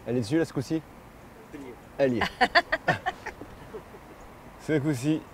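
A man in his thirties hosts a fishing show, chatting in a friendly, encouraging way from a riverside platform. His pitch moves lively up and down as he reacts quickly. Steady outdoor noise sits behind the voice. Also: vocal fry. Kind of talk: casual interview while fishing.

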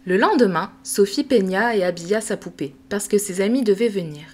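A woman reading a classic children's novel aloud as an audiobook, with measured, clear storytelling. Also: mid-range voice, expressive. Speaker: audiobook reader. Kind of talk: scripted narration.

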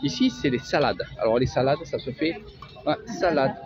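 A man's voice: medium pitch, animated, moderate pace. Sing-song man with a Marseille accent. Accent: Marseille French. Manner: chatty, sing-song, pointing things out. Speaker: travel vlogger. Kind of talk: casual walking market tour. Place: outdoor street market. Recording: dull lo-fi audio with music.

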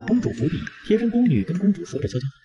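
A man narrating a fantasy romance comic recap in a brisk storytelling manner. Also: high voice, sing-song, lo-fi sound, background noise.

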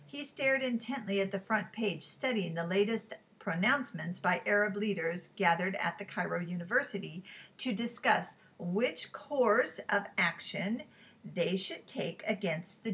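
Woman reading a novel aloud, relaxed, stumbles and corrects herself, mid-pitched. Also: rough recording. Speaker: reader.

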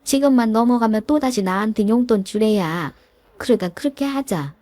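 A woman's voice: fairly high pitch, expressive, normal speed, dark tone, no room sound, natural voice. A woman voicing a pushy, self-pitying older mother-in-law in a storybook drama, wheedling and guilt-tripping. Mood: pleading, pushy.

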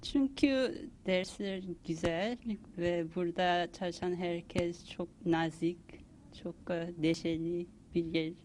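A woman's voice: lowish voice, fairly even intonation, slow pace, a little mellow, slight background noise, poor audio. A young woman answering as a student in a casual interview. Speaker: language student being interviewed. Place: indoor cultural center room. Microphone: handheld interviewer's microphone.

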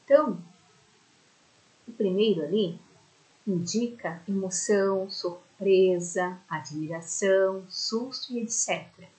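A woman's voice: mid-range voice, slow pace, darkish tone, poor audio. A Brazilian woman teaching a primary school lesson in a recorded remote class. She talks affectionately and explains step by step, often checking in with her pupils. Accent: Brazilian Portuguese.

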